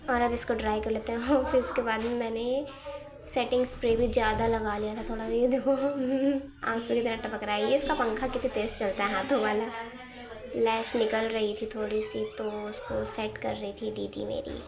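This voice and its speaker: A woman's voice: fairly high pitch, level tone, normal speed, a crowd in the background. A young woman narrating a casual home vlog in a chatty, giggly, self-teasing way. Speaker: vlogger. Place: home, indoors.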